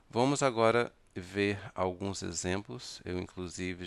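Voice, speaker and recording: A man with a Brazilian Portuguese accent teaching an English grammar lesson, speaking deliberately and spelling words out letter by letter. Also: sits low, fairly bright tone, smooth, no room sound.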